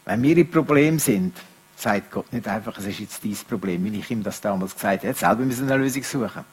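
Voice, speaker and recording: A middle-aged man preaching a sermon, moving between quiet, reflective passages and raised, emphatic speech. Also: mid-range voice, quick pace, husky.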